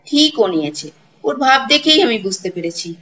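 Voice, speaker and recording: A woman's voice: fairly high pitch, sing-song, normal speed, a bit bright, slight background noise, poor audio. A woman voicing a harsh, bullying older village woman who scolds and threatens a girl in a storybook reading. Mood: furious.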